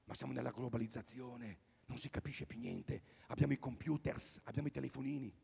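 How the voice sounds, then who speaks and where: A man doing a rambling stand-up comedy routine at a live concert, swinging between loud bursts and mutters. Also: mid-range voice, brisk, vocal fry, slightly rough, long reverb tail. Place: outdoor tennis courts at a live event.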